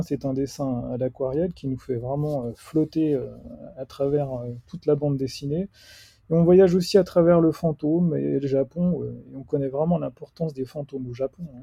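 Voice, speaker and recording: A man's voice: on the high side, gravelly, mellow, breathy edge, no echo. A man reviewing comics in casual radio chat, hesitant with many fillers.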